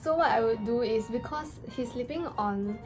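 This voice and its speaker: A young woman telling a story in a casual vlog rant, with an animated, exasperated, slangy delivery and emphatic stresses. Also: a little high, moderate pace. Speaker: vlogger. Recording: music playing behind the voice. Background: background music.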